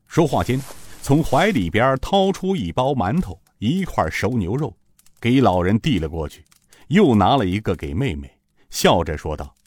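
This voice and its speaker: A man narrating an audiobook with an expressive storytelling delivery. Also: on the low side, moderate pace, breathy edge, dry recording. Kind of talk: audiobook narration of a martial-arts novel.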